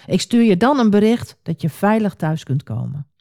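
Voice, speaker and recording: A woman's voice: mid-range voice, very animated, normal speed, gravelly, dark tone, no room sound, studio quality. A woman voicing an anxious mother urgently warning her son in a storybook reading.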